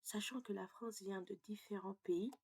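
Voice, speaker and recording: A woman teaching French pronunciation in a casual lesson, explaining step by step, often dropping to a breathy half-whisper and checking in with "ok?". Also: medium pitch, fairly even intonation. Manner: slow, deliberate delivery.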